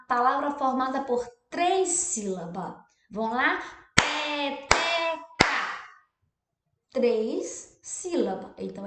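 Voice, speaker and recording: A Brazilian woman with a fairly high, very lively voice walks young children through a textbook exercise. She stretches out syllables and keeps checking that they follow. The recording has a noticeably echoey room sound. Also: very noisy. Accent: Brazilian Portuguese. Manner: lively, drawn-out stressed syllables, frequent "tá bom?" checks. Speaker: primary school teacher.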